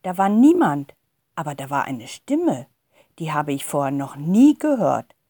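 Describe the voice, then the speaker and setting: A woman's voice: deep voice, sing-song, unhurried, mellow, no room sound, clean studio sound, heavily acted. A woman voicing an earnest fourteen-year-old boy who hesitantly tells of a strange experience, in a storybook reading. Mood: wondering.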